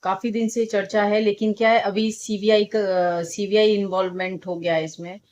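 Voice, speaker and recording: A woman's voice: medium pitch, level tone, moderate pace, a little mellow, dull audio. A woman, a mother, talking casually to her viewers from her home and calling them friends. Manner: chatty, keeps addressing viewers as friends. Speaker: vlogger, mother.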